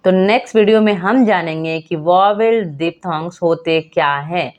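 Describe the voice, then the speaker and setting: A woman teaching a phonics lesson for parents, patiently asking and answering her own questions and sounding out words slowly. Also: lowish voice, lo-fi sound.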